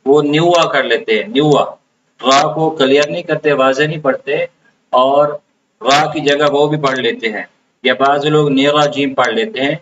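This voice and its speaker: Man teaching recitation pronunciation, slow and careful. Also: mid-range voice, steady tone, a bit bright. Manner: slow, demonstrates words by drawing them out and repeating. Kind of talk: pronunciation lesson. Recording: dull lo-fi sound with faint background noise.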